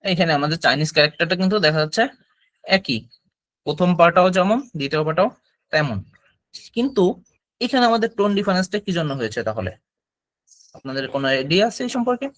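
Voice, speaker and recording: A man's voice: on the high side, expressive, fast talker, long pauses, fairly bright tone. A man teaching a class about Chinese tones, explaining patiently and modeling syllables for students to repeat.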